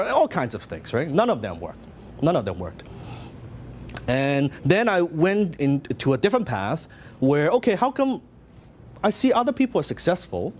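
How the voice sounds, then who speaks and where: Speaking a little high and somewhat mellow, a middle-aged Hong Kong businessman with a Hong Kong Cantonese accent shares his story at a motivational seminar, throwing plenty of questions to the crowd. Slight noise sits in the background.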